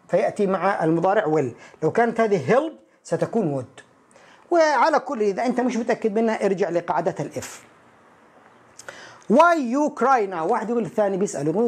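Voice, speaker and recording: A man teaching an English grammar lesson. He reads each English example slowly and translates it, then raises students' likely questions and answers them himself. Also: high-pitched, a little mellow.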